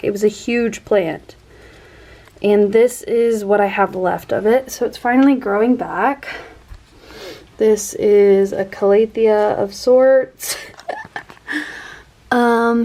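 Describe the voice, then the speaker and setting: Slow-talking chatty woman plant vlogger. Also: medium pitch, a little mellow. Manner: chatty, self-deprecating, laughs often. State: out of breath. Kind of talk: casual houseplant tour.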